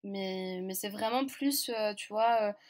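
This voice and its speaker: A woman's voice: mid-range voice, a little slow, darkish tone. A French woman in her twenties, a podcast guest telling a personal story in a chatty, candid, hesitant way. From France. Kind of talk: casual storytelling interview.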